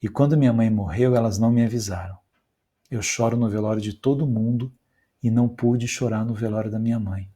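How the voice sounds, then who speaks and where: A man's voice: mid-range voice, fairly even intonation, brisk, dark tone, breathy edge, natural voice. A man recounting the words of a humble, sorrowful older churchgoer in plain, earnest speech. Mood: grieving.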